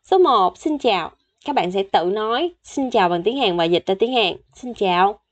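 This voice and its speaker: A woman teaching a beginner Korean lesson online, saying each word several times for practice and explaining in a chatty, friendly way with soft sentence endings. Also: mid-range voice, lively intonation, normal speed.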